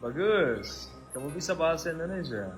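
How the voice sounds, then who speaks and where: A man's voice: a little high, animated, moderate pace. A man making casual small talk in short, simple Indonesian phrases as a learner. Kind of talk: casual chat. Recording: music playing behind.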